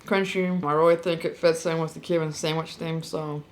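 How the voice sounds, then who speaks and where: A woman's voice: low-pitched, level tone, brisk, a little hiss or hum. A woman giving a candid, casual tasting review as the host, in plainspoken style.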